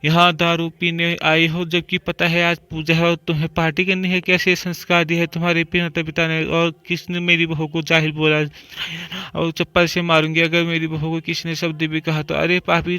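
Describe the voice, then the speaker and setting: A man voicing a sharp-tongued old mother-in-law. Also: a little high, smooth, no room sound. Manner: scolding, taunting.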